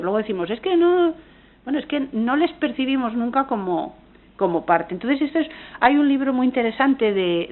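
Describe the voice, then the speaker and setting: Earnest Spanish woman lecturing, tinny audio. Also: on the high side. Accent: Spanish from Spain. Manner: earnest, engaged, frequent restarts and self-corrections. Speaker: university lecturer. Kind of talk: academic conference talk.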